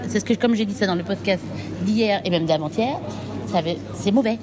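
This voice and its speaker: A woman's voice: medium pitch, brisk. Woman, hesitant, amid a busy crowd. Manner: hesitant, repeating phrases. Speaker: podcast panelist. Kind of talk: casual film discussion. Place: waiting in a cinema queue. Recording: busy crowd and traffic behind.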